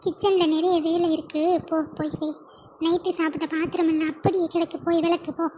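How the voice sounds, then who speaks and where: A woman's voice: very high voice, level tone, brisk, dark tone, slight background noise. A woman voicing a nagging, scolding mother-in-law in a comic family skit. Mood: bossy nagging.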